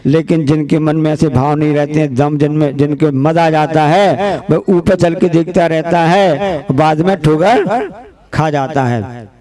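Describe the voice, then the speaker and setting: A man giving a sermon as a Jain preacher to a seated gathering, deliberate and emphatic, acting out the dialogue in his stories. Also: fairly high pitch, a crowd in the background. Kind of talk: sermon with storytelling.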